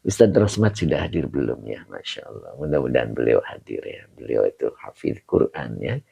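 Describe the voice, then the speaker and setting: A man's voice: a bass voice, sing-song, a little fast, creaky, warm tone, breathy edge. A man, an Islamic preacher, greeting viewers on a live stream, reading their comments aloud and answering with prayers and chuckles.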